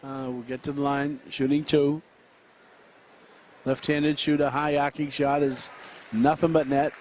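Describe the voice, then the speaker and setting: Guy doing local high school hoops play by play, kinda high voice, lots of uhs, bit of background noise. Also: flat delivery, darkish tone. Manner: quick play-by-play with frequent fillers. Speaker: play-by-play announcer. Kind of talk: high school basketball commentary.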